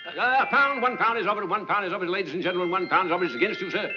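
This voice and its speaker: An actor playing a chatty, hustling auctioneer, in theatrical, repetitive sales patter from 1940s film acting. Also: male voice, sits high, racing, lightly acted. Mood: coaxing, hustling. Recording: muffled 1940s film soundtrack, music behind.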